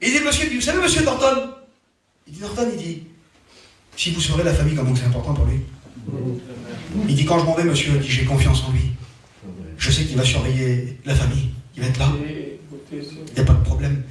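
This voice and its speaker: A man preaching a testimony sermon, telling a story with animated rises and falls in his voice. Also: a little high, fairly quick, long pauses. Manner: animated storytelling, voice rising and falling. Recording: very echoey room, from far off.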